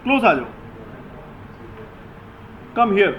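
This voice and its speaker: A man teaching a classroom English lesson, giving slow, deliberate instructions and mixing Hindi with English. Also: high-pitched, sing-song, fairly bright tone, slight background noise, low-quality recording.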